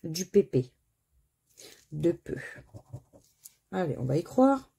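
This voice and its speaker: A woman's voice: on the low side, very animated, takes it slowly, vocal fry, mellow, husky. A woman with a French accent chatting to viewers while she scratches crossword lottery tickets and reads out letters and words.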